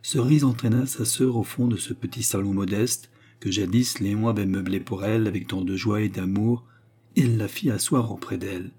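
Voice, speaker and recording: A man reading a classic novel aloud as an audiobook narrator, in a measured, steady manner. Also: lowish voice, breathy edge.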